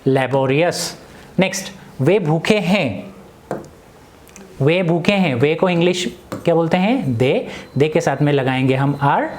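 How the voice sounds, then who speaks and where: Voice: mid-range voice, expressive, measured pace, darkish tone, a little hiss or hum. An English teacher explaining grammar in Hindi, asking questions and answering them himself, with repetition drills.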